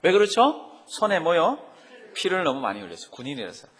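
A man's voice: on the high side, wildly swooping pitch, a little fast, a bit bright. A man preaching a Bible-teaching sermon, often putting questions to the congregation. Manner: asks the congregation frequent questions. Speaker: pastor. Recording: long hall reverb.

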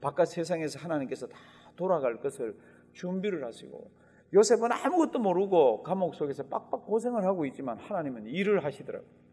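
A man preaching a sermon as a pastor, speaking animatedly and acting out quoted lines with sudden loud outbursts. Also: fairly high pitch, very animated, fairly quick, husky. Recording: long reverb of a large hall.

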